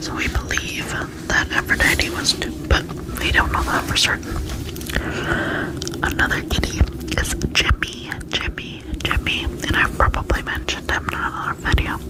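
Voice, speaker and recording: A woman softly whispering a casual ASMR chat with tingly mouth articulation, often slowly repeating words. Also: rough recording. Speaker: ASMR video creator.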